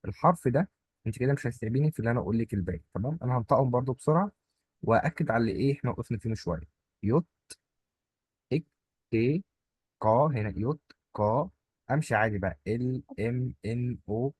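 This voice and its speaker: Brief: Egyptian-accented male tutor, husky, dry close sound, playful and chatty. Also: mid-range voice, lively intonation, fast, darkish tone, dry recording. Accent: Egyptian Arabic. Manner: playful, explains with little stories and jokes. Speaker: German language teacher. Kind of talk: informal online lesson.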